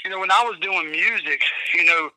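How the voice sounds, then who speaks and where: A man who works as a festival promoter and talent manager, speaking in relaxed, plain-spoken casual chat over a phone line. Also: high voice, a little fast, dry recording.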